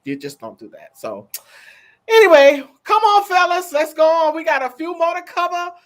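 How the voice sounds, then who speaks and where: A woman's voice: very high-pitched, sing-song, normal speed. A woman co-hosting a talk show, chatting casually and with animation, laughing and calling out to her audience. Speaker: co-host. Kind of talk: casual chat.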